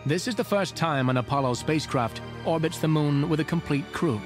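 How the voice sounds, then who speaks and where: Male documentary narrator over clear music. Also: fairly high pitch, brisk. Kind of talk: scripted historical narration. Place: voice-over recording with music behind.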